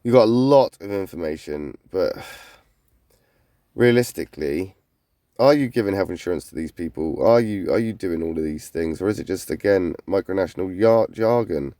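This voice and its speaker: A man's voice: deep voice, normal speed, dark tone, dry recording, clean studio sound. A man reacting to videos in casual commentary, blunt and skeptical. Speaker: micronation reviewer.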